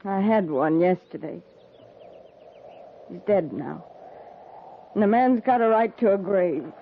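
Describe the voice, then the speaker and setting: An actress playing a worn-out, grieving frontier widow in a 1950s radio western, halting and bitter in her speech. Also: mid-range voice, narrow, tinny audio. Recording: noisy, thin 1950s radio transcription.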